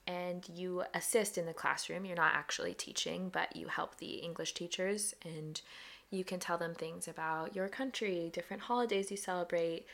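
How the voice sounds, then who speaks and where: Playful young American woman, lowish voice. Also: fairly even intonation, normal speed, creaky, fairly bright tone. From United States. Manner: playful, explains at length, laughs often. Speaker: podcast co-host. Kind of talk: casual chat.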